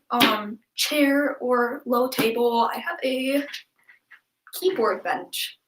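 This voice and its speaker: Teaching stretching from an indoor room at home, this young woman talks in a high, congested voice, rambling casually, laughing readily and filling gaps with ums. The room echoes and there's noise in the background.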